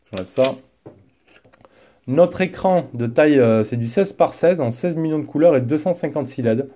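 A man casually reviewing a gadget as he unboxes it, chatty and relaxed, with frequent fillers. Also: medium pitch. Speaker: tech reviewer. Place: indoor desk setup.

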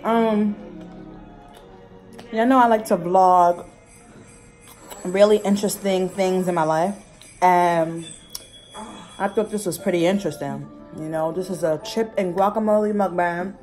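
A woman's voice: lowish voice, steady tone, unhurried, pauses often, darkish tone, soft background music. A young adult woman chatting casually and slangily to her viewers in a mukbang vlog, talking while she eats. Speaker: vlogger. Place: small room at home. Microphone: phone at arm's length.

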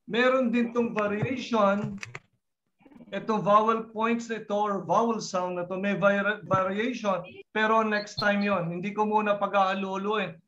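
Filipino man, teacher, repeats words for pronunciation drills, high voice, faint hiss behind. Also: fairly even intonation, fairly bright tone, muffled recording. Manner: drills pronunciation, repeats each word slowly. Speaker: Hebrew teacher. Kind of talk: online class teaching. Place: online video call class.

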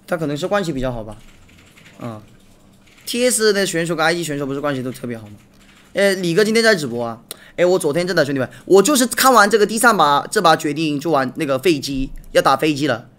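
Excitable high-voiced man streaming. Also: fast talker. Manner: excitable, thanks viewers for gifts, repeats words. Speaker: game streamer. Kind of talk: casual livestream chat watching a match.

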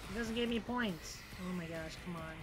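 A woman hosting a let's play, giving excitable gameplay commentary with frustrated outbursts and laughter. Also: lowish voice, normal speed. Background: faint game music.

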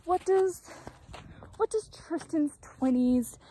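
Her voice high-pitched and slow against a noisy background, a twenty-year-old woman rambles through a casual, reflective vlog outdoors in a dry mountain meadow. She pokes fun at herself and swears often, filming on a phone at arm's length that she later props on the ground.

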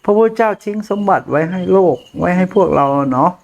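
Older male monk, high lively voice, blunt and earthy, laughs often. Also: quick pace, vocal fry, slight background noise. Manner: blunt, crude familiar speech, frequent laughter. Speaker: Buddhist monk teacher. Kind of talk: dharma talk with a follower.

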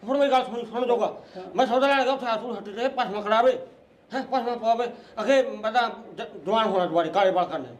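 A man playing a jeering village relative. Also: very high voice. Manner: rapid jeering taunts.

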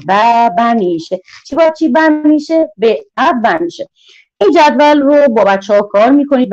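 A woman giving an online teacher-training lecture, drawing words out slowly in a sing-song teaching manner. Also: medium pitch, warm tone, lo-fi sound. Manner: slow, sing-song, drawn-out teaching delivery.

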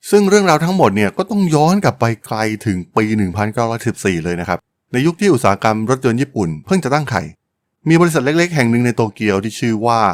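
A man's voice: on the low side, no room sound. A man hosting a podcast, telling a business history story in a polite, chatty way with frequent exclamations. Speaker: podcast host.

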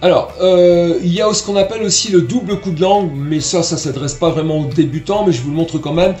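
A man's voice: a little high, brisk, a little mellow, roomy sound, soft background music. A man teaching trumpet online, explaining tonguing patiently and sounding out syllables as he goes. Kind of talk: online music lesson.

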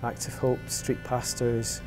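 A man's voice: mid-range voice, monotone, slow pace, over music. A man from a church, talking in an easygoing way in an interview. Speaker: church member. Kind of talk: documentary interview.

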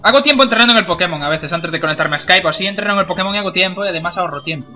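A man's voice: sits high, racing, sharp tone, soft background music. A young man, commenting on a video game in a joking, cursing way. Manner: jokey, swears a lot, laughs at own jokes. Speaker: gameplay commentator. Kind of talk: casual let's play commentary.

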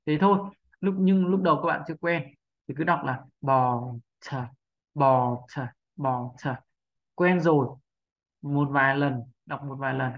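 Man, patient pronunciation teacher, slightly high voice, dull lo-fi sound. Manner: patient, repeats sounds slowly, asks rhetorical questions. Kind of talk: video lesson.

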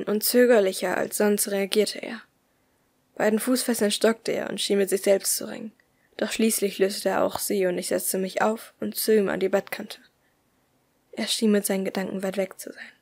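A woman reading a first-person audiobook aloud in a soft, often hushed voice. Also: medium pitch. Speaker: audiobook reader.

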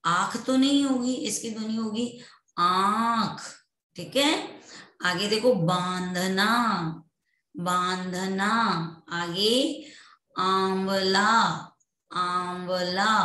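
Woman, primary school teacher, unhurried, patient repetition, mid pitch, roomy echo. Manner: slow and patient, repeating words for children to echo. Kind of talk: online class lesson for young children.

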